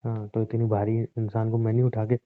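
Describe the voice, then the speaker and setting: A man's voice: fairly low pitch, completely flat delivery, a little fast, no echo. A young man in a scripted comedic skit, playing an exasperated husband who grumbles and teases. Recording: tinny phone-call audio.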